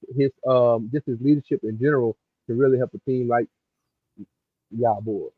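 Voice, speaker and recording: A man's voice: mid-range voice, steady tone, normal speed, no echo. Muffled man, as if through a wall. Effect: muffled, as if heard through a wall. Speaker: guest analyst on a sports stream. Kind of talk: casual sports talk. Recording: muffled lo-fi remote mic.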